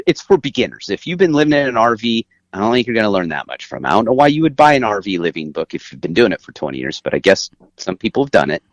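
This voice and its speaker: A man's voice: lowish voice, dry recording. A man giving emphatic, conversational explanations as an interview guest, recorded inside an RV. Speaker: guest author.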